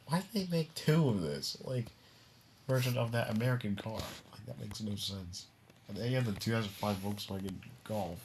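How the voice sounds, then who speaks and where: Man, low voice, casual game commentary, rambling, giggly. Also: a little hiss or hum. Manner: giggly, rambling, keeps breaking into laughter. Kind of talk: casual rundown of cars in a video game.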